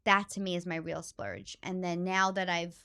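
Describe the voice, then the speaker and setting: A woman from the Bronx with a New York accent, a stand-up comedian chatting in an interview, loud and expressive. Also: on the low side, normal speed, clean tone. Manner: animated, talks with hands, loud and expressive. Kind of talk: casual interview chat.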